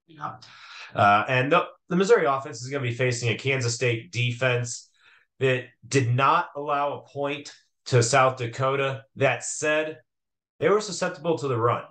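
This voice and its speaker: A man's voice: medium pitch, normal speed, fairly bright tone. A man co-hosting a sports podcast, talking casually about an upcoming college football game, with frequent fillers and restarts. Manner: conversational, hesitant with fillers and restarts.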